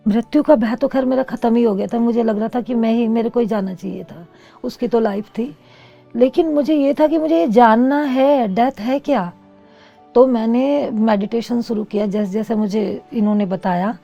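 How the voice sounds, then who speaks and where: A middle-aged woman with a gravelly, dark-toned voice speaks earnestly and reflectively about her personal experiences. The recording is slightly dull, and soft music plays faintly beneath her. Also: fairly high pitch, moderate pace. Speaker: interview guest. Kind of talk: personal testimony.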